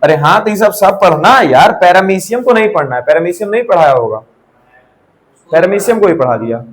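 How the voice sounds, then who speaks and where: High-voiced man teaching a class. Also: expressive, a little fast, rough recording. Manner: checks in with students often; mixes English terms into Hindi. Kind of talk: live classroom lecture.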